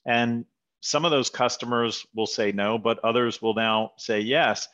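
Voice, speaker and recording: A man's voice: medium pitch, fairly even intonation, measured pace, fairly bright tone. A man hosting an interview, friendly and a little self-correcting as he asks questions. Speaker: interview host. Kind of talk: conversational interview. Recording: dull lo-fi audio.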